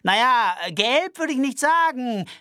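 A man's voice: very high-pitched, animated, measured pace, bright, forceful tone, clean tone, no room sound, clean studio sound, voice pushed up, exaggerated voice. A man voicing a nervous, rambling sheep farmer in a Western audiobook, babbling and laughing nervously.

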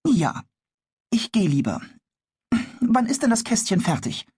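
A woman's voice: medium pitch, very animated, unhurried, a little mellow, slightly rough, exaggerated voice. An actress playing a friendly, chatty neighbour woman who comes to collect an order from a carpenter. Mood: hurried.

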